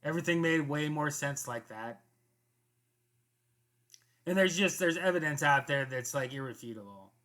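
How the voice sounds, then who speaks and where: A man with a fairly high, bright, forceful voice hosts a casual commentary segment. He rambles through his thoughts, stopping and restarting sentences and leaning on fillers as he goes. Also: expressive, normal speed, pauses often. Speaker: commentary host.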